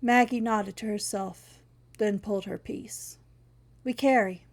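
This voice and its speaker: A woman reading a first-person short story aloud in a steady, wry storytelling manner. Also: mid-range voice, unhurried, creaky. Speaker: narrator.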